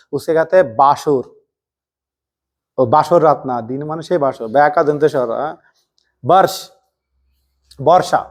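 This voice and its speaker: Male Hindi tutor, slightly high voice, drills a coaching class with quick call-and-response. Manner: quizzing students with rapid call-and-response; strict, jokingly threatens students. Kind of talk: live classroom lesson.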